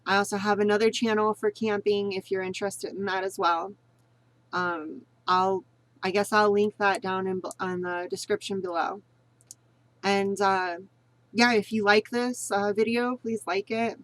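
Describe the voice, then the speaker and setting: A woman who teaches voice training on her vlog speaks a little slowly, her medium-pitched voice barely moving in pitch. Her tutorial is casual and rambling, full of repetition, yet earnest and encouraging.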